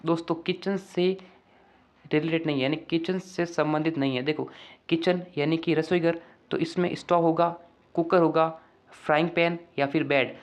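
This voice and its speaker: A man walking students through an exam paper, asking rhetorical questions and reading English sentences out slowly. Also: a little high, fairly even intonation. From Rajasthan, India. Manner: keeps asking the class rhetorical questions, calls them friends. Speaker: teacher. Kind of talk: exam paper walkthrough lesson.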